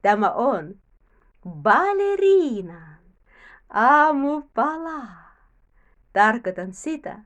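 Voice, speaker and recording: Brief: woman ballet teacher with a high voice, leads a kids' lesson with slow, encouraging step-by-step counting. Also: very animated, fairly bright tone, dull audio. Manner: slow, instructive, counting steps aloud; encouraging, repeats affirmations.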